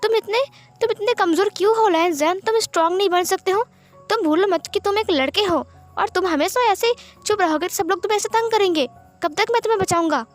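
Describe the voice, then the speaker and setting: A woman voicing a hot-tempered schoolboy who scolds his bullied friend in a raised, shouting voice. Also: high voice, fairly even intonation, normal speed, hardly any pauses, faint music behind, close to an everyday voice. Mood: angry scolding.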